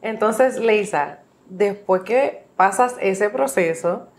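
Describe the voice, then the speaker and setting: A woman interviewer asking gentle, measured questions. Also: medium pitch, animated.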